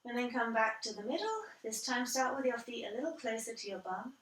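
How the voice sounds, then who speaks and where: A woman guiding a yoga class as instructor, calm and measured, step by step. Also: a little high. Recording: roomy echo, distant from the mic.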